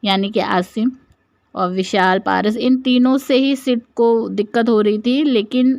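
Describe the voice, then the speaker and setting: A woman's voice: a little high, fairly even intonation, unhurried, gravelly, a little mellow, no echo, clean studio sound. A woman giving a casual narrated recap, retelling scenes and quoting lines with frequent fillers.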